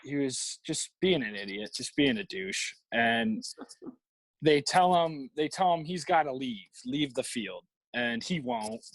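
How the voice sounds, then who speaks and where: Young male ballplayer guest, mid-pitched, dead-dry mic, rambling delivery. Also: expressive, unhurried, gravelly, no room sound, rough recording. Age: young adult. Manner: rambling, lots of fillers and restarts. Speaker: guest, college baseball player. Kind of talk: casual interview.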